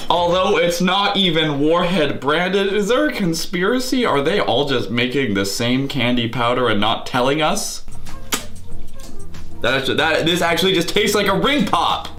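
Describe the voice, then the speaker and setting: A man's voice: on the high side, animated, normal speed, fairly bright tone, echoey room, faint music behind. A man hosting a casual comedic candy review, talking in a mock-dramatic, exaggerated way as he eats and tastes sour candy. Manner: eating and tasting sour candy while talking. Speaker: host of a candy taste test.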